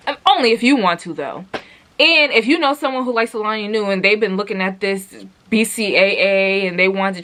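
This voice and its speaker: A woman with a medium-pitched, fairly bright voice chats through a casual product review vlog. She rambles with plenty of fillers, speaking straight to her viewers and asking them lots of questions.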